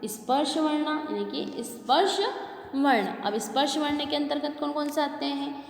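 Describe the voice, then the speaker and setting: A woman's voice: high voice, steady tone, moderate pace, soft background music. A woman teacher explaining a lesson. She asks questions, then answers them herself and repeats the key terms. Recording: echoey room with long reverb.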